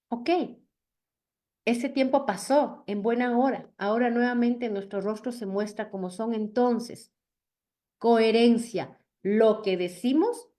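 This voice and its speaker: Expressive woman teaching public speaking. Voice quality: high voice. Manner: expressive, often shifts pitch and pace to demonstrate. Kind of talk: virtual workshop talk.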